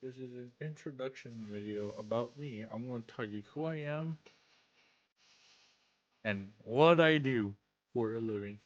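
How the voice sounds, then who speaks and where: A man with a slushy lisp and slightly slurred words, talking casually and haltingly as he introduces himself in a vlog, often repeating phrases. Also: medium pitch, muffled recording. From Canada. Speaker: content creator and streamer.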